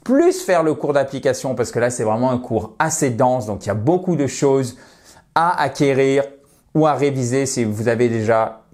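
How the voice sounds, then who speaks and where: A man teaching English pronunciation in an online lesson, talking viewers through examples and drawing out each English word slowly and clearly. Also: mid-range voice, a little mellow. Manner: slows down and exaggerates English words for pronunciation; encouraging, addresses viewers directly.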